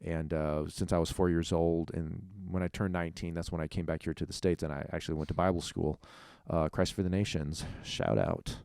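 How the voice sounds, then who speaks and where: A young man co-hosting a casual faith podcast, talking in animated bursts and laughing often. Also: low voice, fairly quick, creaky, hardly any pauses, no echo, clean studio sound. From Ukraine. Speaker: podcast co-host. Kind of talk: casual chat.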